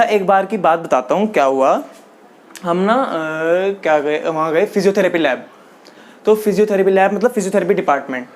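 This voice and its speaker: A man's voice: high voice, slight background noise. Young male stand-up, casual storyteller; chatty, laughs along with his own jokes. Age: young adult. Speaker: stand-up comedian.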